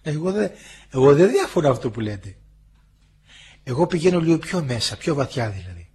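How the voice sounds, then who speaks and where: Husky Greek-speaking man preaching animatedly. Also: a little high. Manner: homely, animated storytelling, acts out quoted voices. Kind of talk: spoken sermon to listeners.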